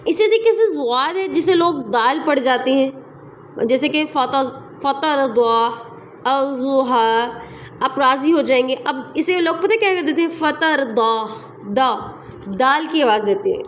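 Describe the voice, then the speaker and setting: A woman teaching a recitation class online, explaining patiently and repeating sounds and examples slowly. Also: high-pitched, expressive, a bit bright, a little hiss or hum. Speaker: tajweed teacher.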